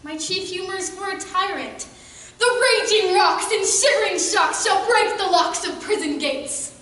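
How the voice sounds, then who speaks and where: A woman's voice: very high voice, moderate pace, a bit bright, a little hiss or hum. A woman playing a boastful hammy weaver. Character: boastful showy male weaver. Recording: echoey hall, far mic.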